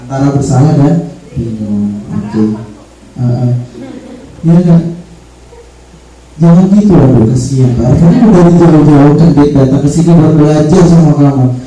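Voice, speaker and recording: A man's voice: a little high, normal speed, pauses often. A man leading a teachers' workshop, joking and laughing often as he acts out classroom examples for his audience. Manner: playful, laughs often, addresses audience as ladies and gentlemen. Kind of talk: workshop presentation with role-play examples. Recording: roomy echo, distant mic, faint music.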